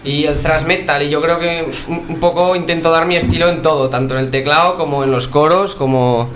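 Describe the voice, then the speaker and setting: A man's voice: on the high side, steady tone, brisk, a bit bright, slight background noise. A young man, a keyboardist in a band, answering casually in a radio interview. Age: young adult.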